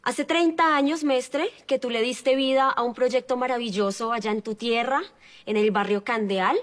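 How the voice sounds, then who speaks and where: A woman's voice: a little high, steady tone, normal speed. A woman, politely and admiringly asking a question at a public talk. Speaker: audience member asking a question.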